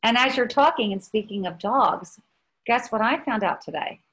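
A woman's voice: fairly high pitch, normal speed, a bit bright, low-quality recording. A woman in her fifties co-hosting a casual chat, telling stories in a rambling way with many restarts. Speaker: podcast co-host.

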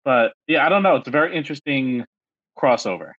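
Man, podcast co-host, lively up-and-down delivery, dry slightly muffled sound. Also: medium pitch, brisk, no room sound. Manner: animated, rambling with many fillers. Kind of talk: casual podcast chat.

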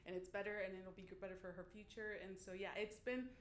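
A woman guest in a casual panel chat, telling a long story in an animated way and acting out the quotes. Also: mid-range voice, fast talker. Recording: echoey room.

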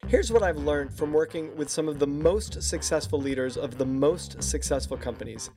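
A man's voice: normal speed, music in the background. A male podcast host closing an interview and reading a scripted outro. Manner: friendly, then smooth read-out pitch.

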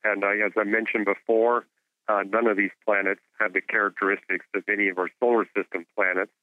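A man with a fairly low voice explains things like a lecturer as a radio guest expert. He sounds phone-like and thin, with no room echo. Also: level tone, a little fast. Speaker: guest expert, astronomer and author. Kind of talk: explanatory interview talk. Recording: phone-like narrow-band radio call.

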